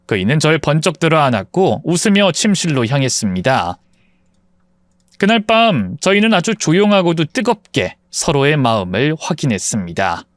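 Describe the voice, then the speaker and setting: A man reading a first-person family drama story in an expressive, dramatic narration. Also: on the high side, normal speed, no room sound, clean studio sound.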